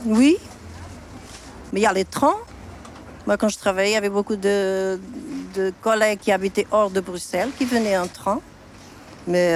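An older woman of Portuguese origin with a gravelly voice gives her opinions openly and without fuss. She speaks plainly in a street interview, and faint noise sits beneath her words. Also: mid-range voice. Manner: frank, plain-spoken, opinionated.

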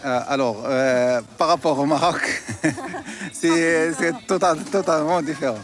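A man from Morocco answering in a halting way, often stopping to search for words. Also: on the high side, steady tone. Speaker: interviewee. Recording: music playing under the voice.

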